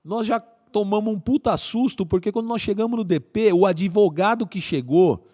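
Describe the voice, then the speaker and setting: A warm, high-pitched voice belongs to a middle-aged police colonel guest who talks at a moderate pace. He's a vivid storyteller in a casual interview, mimicking gunshots and performing the voices of the people in his tale.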